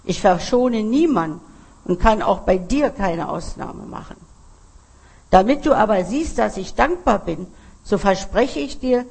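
Stern Death in the form of a small dwarf, commanding and unbending, read aloud by a woman in a sermon. The voice is slow and gravelly with a husky grain. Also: medium pitch, lively intonation, a little mellow, exaggerated voice.

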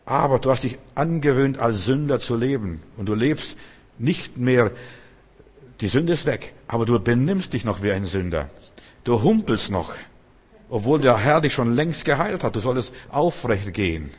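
A man's voice: mid-range voice, lively intonation, normal speed, husky. A male preacher delivering an earnest sermon, exhorting the listener and addressing them directly. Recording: long hall reverb.

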